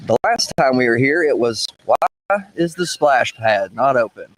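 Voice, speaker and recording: A man in his thirties presenting a comic public notice outdoors in a mock-official, deadpan way. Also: medium pitch, normal speed, low-quality recording. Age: 30s.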